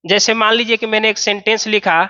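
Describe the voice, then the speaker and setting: A male teacher gives a classroom grammar lesson in a high, bright voice. He walks through each rule step by step, often posing a question and answering it himself. The sound is dry and slightly muffled. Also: steady tone, fairly quick, dry recording. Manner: explains step by step, asks and answers own questions. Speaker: English teacher.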